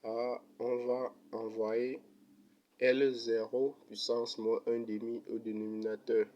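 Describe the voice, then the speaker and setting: Slow, flat-voiced man teaching math. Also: mid-range voice, muffled recording, slight background noise. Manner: slow, methodical, even delivery. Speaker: economics teacher. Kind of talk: step-by-step math lesson.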